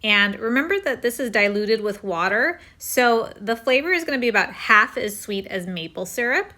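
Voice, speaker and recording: A woman's voice: medium pitch, sharp tone. A woman hosting a home cooking video, talking through a recipe step by step in a casual, friendly way.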